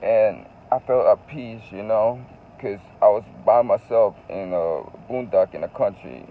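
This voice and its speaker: A man's voice: on the low side, a little slow. Earnest man on tinny, noisy phone-like audio. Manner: earnest, emotional, repeats phrases for emphasis. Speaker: vlogger. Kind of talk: personal confessional vlog, casual storytelling.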